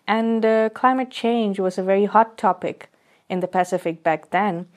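A woman from Fiji, a research guest telling her story in a podcast booth in a measured, thoughtful way. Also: medium pitch. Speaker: guest, postdoctoral climate researcher. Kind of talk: conversational interview.

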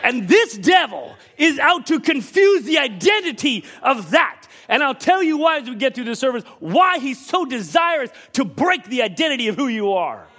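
A high-pitched man preaching to a congregation, his voice leaping up and down as he presses each point. He moves between quick conversational asides and sudden shouted emphasis, speaking from the pulpit during a church service. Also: big pitch swings. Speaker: pastor. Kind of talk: sermon.

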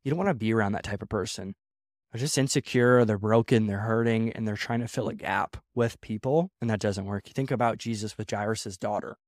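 A man's voice: on the low side, a little fast, dry recording, clean studio sound. A man speaking as a pastor, giving a casual sermon-style talk on leadership, repeating phrases and acting out quoted voices.

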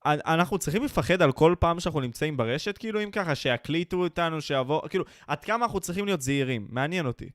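A man's voice: a little high, lively intonation, few pauses, a bit bright, no room sound, studio quality. A man in a casual podcast discussion. He often restarts his sentences and presses his point. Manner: hesitant restarts, then insistent. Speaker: podcast co-host.

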